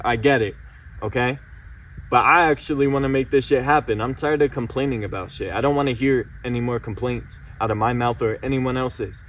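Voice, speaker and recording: In an emotional personal vent to camera, a late-teen vlogger pours out his frustration, insistent and repetitive. His mid-range voice is picked up from a distance, so the audio is poor, with faint background noise beneath it.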